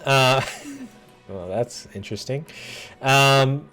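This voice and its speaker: Relaxed man running a tabletop game. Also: medium pitch, clear, resonant tone, soft background music. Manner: relaxed and unhurried, with frequent ums and uhs. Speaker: game master.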